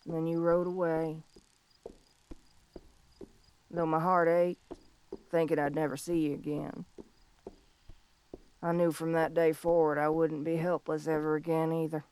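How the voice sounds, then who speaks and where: A woman playing a young, tough but tender tomboy bounty hunter of the Old West in an audio role-play, speaking in a folksy, halting, heartfelt way. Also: deep voice, completely flat delivery, a little mellow, clean tone, dry recording, lightly acted. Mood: wistful, tender. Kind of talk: scripted audio role-play monologue, intimate and slow.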